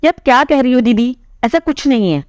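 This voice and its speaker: A woman's voice: sits high, expressive, brisk, darkish tone, dry recording, studio quality, voice pushed up. Woman voicing Rakesh, a stubborn young lover. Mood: defiant. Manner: earnest, insistent, pleading. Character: stubborn young man in love, defiant toward his sister.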